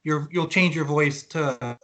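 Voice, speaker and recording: A man interviewing a guest, agreeing warmly and asking questions about his work. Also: a little high, a little slow. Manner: friendly, agreeable, asks questions.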